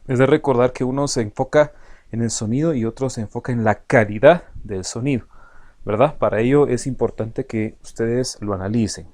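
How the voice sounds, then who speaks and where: A man delivers a recorded lecture to his class in a mid-pitched voice. He explains at an even pace and fills his pauses with drawn-out hesitations. He talks straight to his students. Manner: explanatory, frequent "eh" fillers; addresses students directly. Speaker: teacher.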